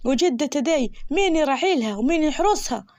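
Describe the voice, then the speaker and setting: A woman's voice: high-pitched, expressive, fast, a little mellow, no echo, studio quality. A woman doing a stubborn young goatherd. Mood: gruff. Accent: Egyptian Arabic. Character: stubborn poor young village goatherd man.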